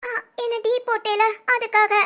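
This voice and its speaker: A voice actor playing an emotional young wife in a cartoon, who talks between sobs and soft pleas. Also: extremely high pitch, little pitch movement, moderate pace. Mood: soft, affectionate. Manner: sobbing, clinging pleas. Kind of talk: cartoon voice acting.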